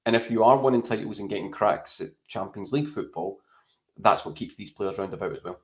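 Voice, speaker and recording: On this podcast, a Scottish co-host rambles chattily about football and keeps adding "right?" to what he says. He speaks briskly, his voice leaning toward the low side.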